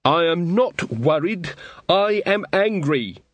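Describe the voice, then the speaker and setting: A sulking, resentful young bride, put on by a male narrator, clipped and sharp. The voice sits higher than his own and slightly louder. The sound is dry and close to the mic. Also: animated, slow pace, no echo. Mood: angry.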